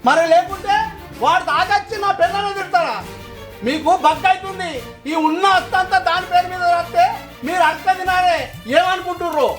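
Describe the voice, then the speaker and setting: Brief: man as a protective Telangana father, raised pitch, heavy music beneath. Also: fairly even intonation, fairly quick. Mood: angry. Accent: Telangana Telugu. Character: older village father, protective of his new wife. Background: loud background music.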